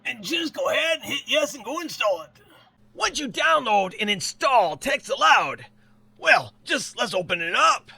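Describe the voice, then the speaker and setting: An instructor with an extremely high, bright voice gives an upbeat how-to lesson, goofy and very animated, with wide pitch swings, exaggerated exclamations, and asides. He talks at normal speed with some vocal fry, on a distant mic over soft background music.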